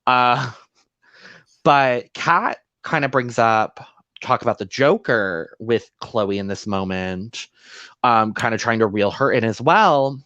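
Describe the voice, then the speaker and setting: A man's voice: medium pitch, takes it slowly, bright, forceful tone, smooth, dry recording, highs cut off. Man, casual podcast recap, playful quoting, dry sound. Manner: chatty, acts out quotes with playful voices. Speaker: podcast co-host.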